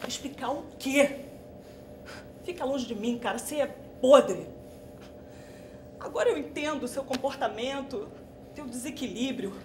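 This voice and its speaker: An actress playing a betrayed young woman, tearful and pleading, then shouting in disgust. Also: high voice, unhurried, pauses often. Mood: furious. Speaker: actress in a drama exercise. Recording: echoey room with clear noise.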